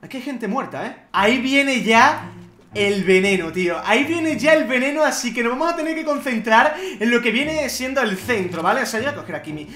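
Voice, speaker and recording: A man from Spain giving excitable let's play commentary, shouting and swearing at the game. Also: very high-pitched, reverberant. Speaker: gamer.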